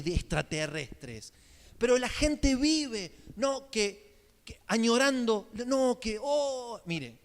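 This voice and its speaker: A man with a Córdoba accent, preaching a sermon as pastor in a chatty style, often checking in with the congregation. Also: sits high. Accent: Argentine, Córdoba. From Argentina. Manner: conversational preaching with frequent check-in questions. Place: church sanctuary. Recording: long church hall reverb.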